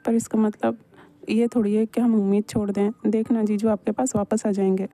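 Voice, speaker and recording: A woman's voice: medium pitch, level tone, a little fast, warm tone, no echo, close to an everyday voice. A woman voicing an anxious, jealous young husband in a Hindi fan dub, talking in a pleading, questioning way. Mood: consoling.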